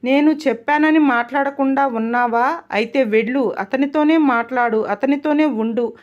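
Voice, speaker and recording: A woman's voice: sits high, moderate pace, highs cut off, natural voice. A woman reading a storybook voices an angry, jealous young man who talks sharply and sarcastically.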